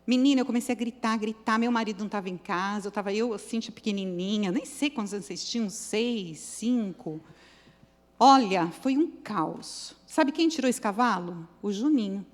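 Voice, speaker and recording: A middle-aged woman from São Paulo with a Brazilian accent, leading a children's ministry training with lively stories and direct talk to her group. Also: medium pitch, moderate pace, long reverb tail. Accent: Brazilian Portuguese.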